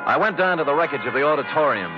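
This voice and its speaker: A man's voice: fairly high pitch, lively intonation, racing, lightly acted. A man playing a wry hard-boiled detective. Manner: dry, wisecracking. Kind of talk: 1950s radio drama narration. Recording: dull old radio broadcast with music.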